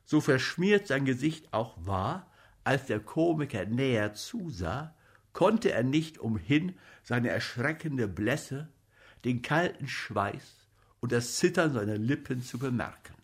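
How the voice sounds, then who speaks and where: Male audiobook narrator, slow pace, lively pitch, storytelling. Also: husky.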